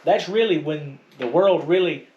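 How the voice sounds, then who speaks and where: Male co-host, colloquial and conversational, slightly high voice, echoey dull recording. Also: normal speed, crowd noise. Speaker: co-host asking questions. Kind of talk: casual chat. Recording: dull, echoey audio, faint noise.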